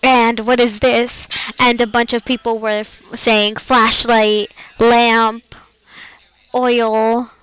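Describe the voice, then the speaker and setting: A woman's voice: a little high, level tone, unhurried, few pauses, a bit bright, clear, resonant tone, no echo, rough recording. A teenage girl co-hosting a podcast, telling a school story casually with fillers and small laughs. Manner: rambling, with fillers and little laughs. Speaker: co-host.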